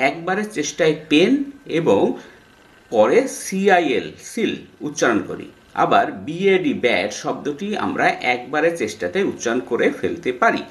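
A man's voice: on the high side, roomy sound. A man teaching English in Bengali, spelling out words letter by letter and repeating them for emphasis. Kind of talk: spoken lesson explaining English words.

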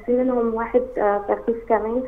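A young Egyptian woman calling in by phone, talking in a rushed, upset and halting way. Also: fairly high pitch, steady tone, a little hiss or hum. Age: young adult. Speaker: caller. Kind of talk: phone call to a live show. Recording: tinny phone line.

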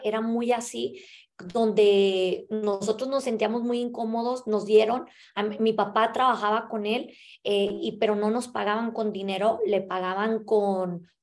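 A young woman from the US-Mexico border with a Mexican Spanish accent, telling her life story to the camera in an animated way, tagging her sentences with questions to the listener. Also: on the high side. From US-Mexico border (El Paso, Texas). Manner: animated, gesturing with both hands, many filler tags like "¿verdad?". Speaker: motivational speaker. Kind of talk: personal story talk to camera. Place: small indoor room.

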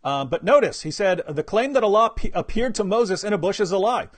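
A man with a fairly high voice hosts a live online discussion. He talks in an animated, lively way, laughing and mimicking the people he argues against. The sound is dry and close, with little room around it. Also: fairly quick, dry recording. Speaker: host.

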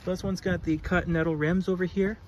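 A man's voice: high voice, level tone, fairly quick, dull audio, background noise. A man giving a casual car walkaround, talking in a plain, easygoing show-and-tell way with frequent fillers. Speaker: car reviewer. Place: around and inside a parked car.

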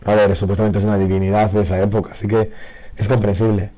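Man, hoarse, losing his voice, excitable card game commentary. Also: fairly low pitch, fast talker. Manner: excitable, reacts loudly to pulls. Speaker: card game video creator. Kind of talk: casual pack-opening commentary. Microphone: faulty broken microphone.

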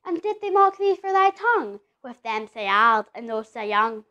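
A woman with a Scottish accent voicing a wise, kindly old miller in a recited poem, gentle and reassuring. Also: a little high, very animated, normal speed, muffled recording.

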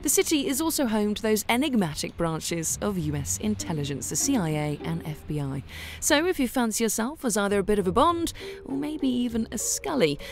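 A woman's voice: mid-range voice, sing-song, fairly quick. A woman, presenting and narrating a travel show in an enthusiastic, chatty way. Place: indoor museum exhibits.

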